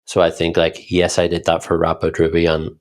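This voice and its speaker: A man with a Northern Irish accent, co-hosting a podcast and calmly explaining how he built his business. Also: low-pitched, a little fast. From Northern Ireland. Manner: reflective, explanatory, steady. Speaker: podcast co-host, founder. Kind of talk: casual podcast conversation.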